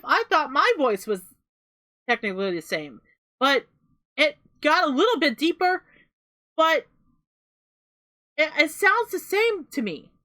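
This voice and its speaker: Young woman doing reaction commentary, high bright voice, keeps repeating herself and swears a bit. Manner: emphatic, repetitive, swears.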